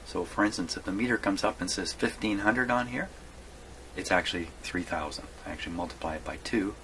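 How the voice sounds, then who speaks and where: A man with a low voice, who presents radio repair videos, gives a casual hands-on demonstration in his small home workshop. He talks briskly in a pushed, bright way, rambling as he thinks aloud and often second-guessing himself. The recording is clearly noisy.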